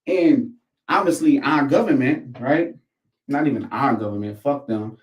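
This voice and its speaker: An American man hosts a commentary show, rambling casually in heavy slang, swearing and repeating phrases for emphasis. His mid-range voice is a little slow, and the dull audio comes from a distant mic in an echoey room.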